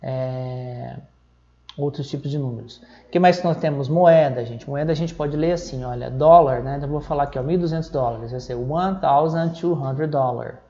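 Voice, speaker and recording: A Brazilian man teaching English numbers in a recorded lesson, explaining step by step and reading the numbers out slowly, often checking in with a quick "tá?". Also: mid-range voice, warm tone, dull audio. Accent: Brazilian Portuguese. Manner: checks in with frequent "tá?".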